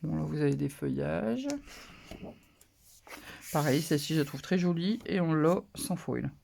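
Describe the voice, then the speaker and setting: A papercraft channel host chatting casually through a haul of paper pads, relaxed and hesitant. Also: mid-range voice, a little slow, vocal fry, a little hiss or hum. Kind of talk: casual haul show-and-tell.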